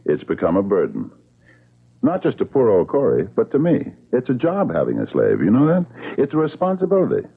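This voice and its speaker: In an old-time radio drama style, an actor plays a suave, menacing man who taunts his enslaved friend with mock politeness and lords it over him. The exaggerated mid-range voice swings hugely in pitch, runs a little fast, and has a creaky, breathy edge. The recording sounds muffled and phone-like, like old radio.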